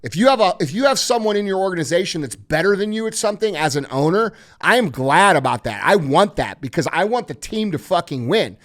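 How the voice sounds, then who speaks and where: A man's voice: high-pitched, very animated, a little fast, hardly any pauses. A man hosting a podcast, giving blunt, emphatic motivational advice with heavy swearing. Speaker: podcast host.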